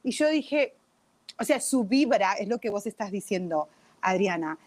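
A woman's voice: mid-range voice, lively intonation, moderate pace, no room sound. Chatty woman, dry sound. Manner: chatty, mixes in English words. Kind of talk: casual chat.

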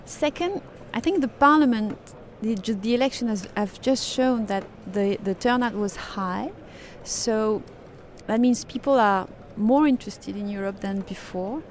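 A woman's voice: fairly high pitch, unhurried, a little hiss or hum. A woman journalist with a French accent, answering interview questions in English with frequent restarts and hesitations. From France. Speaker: radio journalist.

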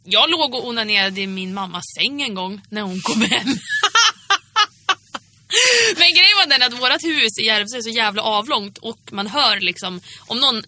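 Lively young Swedish woman telling stories. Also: a little high. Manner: animated storyteller, acts out quotes. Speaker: podcast co-host. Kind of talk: casual chat.

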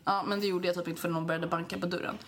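A young woman co-hosting a casual podcast, telling an animated story, acting out quotes, laughing often and swearing freely. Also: on the low side. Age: young adult. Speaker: podcast co-host.

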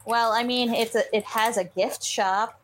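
A woman's voice: on the high side, steady tone, a little slow, a crowd in the background. A woman playing a tabletop role-playing game and chatting casually as she takes her turns.

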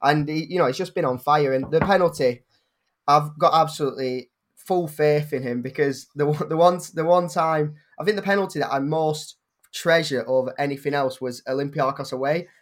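A man's voice: fairly high pitch, normal speed. A man guest on a football podcast, talking enthusiastically and rambling a little. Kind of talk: casual football podcast chat.

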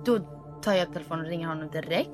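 A young woman telling a story in casual chat, animated and mixing in English phrases. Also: low voice, music in the background.

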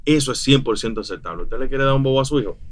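A man, a new father chatting casually on a podcast, blunt and animated. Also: medium pitch, racing. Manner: animated, blunt, mixes quoted voices into his stories. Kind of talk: casual chat.

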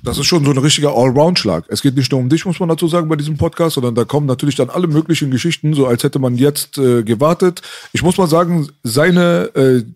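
Fast-talking man hosting a podcast. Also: a little high, darkish tone. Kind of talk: casual podcast chat.

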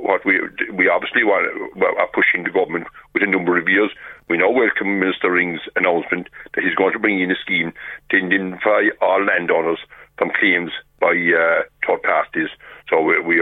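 A man's voice: low voice, breathy edge, dry recording. A man from Kerry with a west of Ireland accent, giving a radio interview in a hesitant, stop-start way. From County Kerry, Ireland. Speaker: farmers' association representative, radio guest. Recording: tinny narrow phone line.

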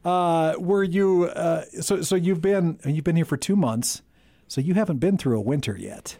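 A man's voice: on the high side, normal speed, warm tone, dry recording. A middle-aged man hosting a podcast interview, friendly and chatty with many restarts. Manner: friendly, stumbling restarts, chuckles. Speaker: podcast host. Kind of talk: casual interview.

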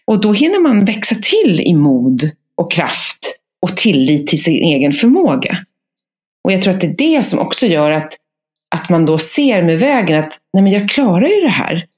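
A woman co-hosting a casual podcast, telling lively anecdotes and acting out voices. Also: lowish voice. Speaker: podcast co-host.

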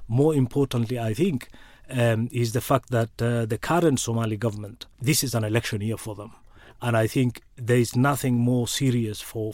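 A man with an East African accent, speaking as an analyst in an interview, deliberately, often repeating words as he thinks. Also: mid-range voice, darkish tone, no echo. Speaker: expert analyst being interviewed. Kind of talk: spoken political analysis.

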